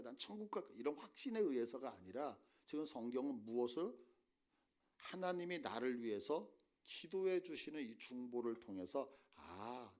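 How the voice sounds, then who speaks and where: Animated male pastor preaching. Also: medium pitch. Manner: animated, asks the congregation questions. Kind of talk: sermon. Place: church.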